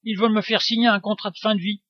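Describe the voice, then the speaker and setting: Man reads a gentle, pleading old widow; high, dry, slightly dull recording. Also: flat delivery, racing, no echo. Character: frail 82-year-old pious widow.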